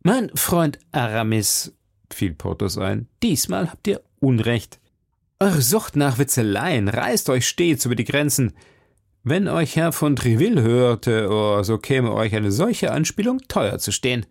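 A blustering, boastful musketeer with a loud, lively voice that leaps up and down, as a man puts him on. He lectures and booms with a gravelly edge. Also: a little slow, heavily acted. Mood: lecturing. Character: boastful hot-tempered male musketeer.

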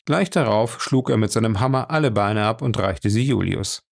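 A man narrating an audiobook in a steady, even reading voice. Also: on the low side, normal speed, vocal fry.

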